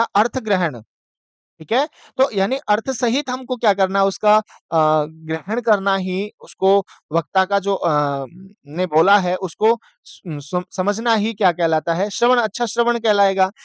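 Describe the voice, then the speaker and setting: Male lecturer, high crisp voice, dry close sound, quizzing style. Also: no room sound. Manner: chants verses slowly, asks and answers own questions. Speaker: teacher. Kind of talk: exam-prep lecture.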